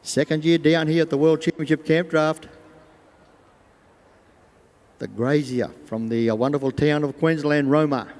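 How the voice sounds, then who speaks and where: A man with an Australian accent announces live sport in a folksy, chatty manner. His voice sits a little high and rings with long reverb from the stadium loudspeakers. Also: fairly even intonation, fairly quick. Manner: folksy, voices imagined thoughts of riders and animals. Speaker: arena announcer. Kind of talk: live sport commentary over public address. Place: large show arena over loudspeakers.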